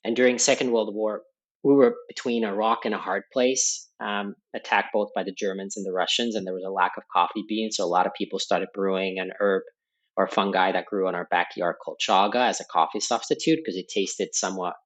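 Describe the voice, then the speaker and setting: A man from Finland, a company founder appearing as a podcast guest, explains at length thoughtfully with fillers and restarts in a conversational interview. His voice sits on the low side with fairly even intonation and a slightly fast pace.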